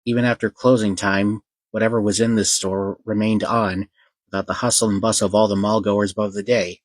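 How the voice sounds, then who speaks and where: A man narrating a children's fantasy audiobook in an earnest, steady storytelling manner, with a few small slips. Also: on the low side, fairly quick, no room sound, poor audio.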